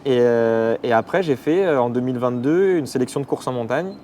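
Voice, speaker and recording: Fast-talking young French athlete. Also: male voice, mid-range voice, darkish tone, slight background noise. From Paris region, France. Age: 20s. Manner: rapid, hesitant with many fillers. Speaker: athlete guest. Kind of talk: casual interview.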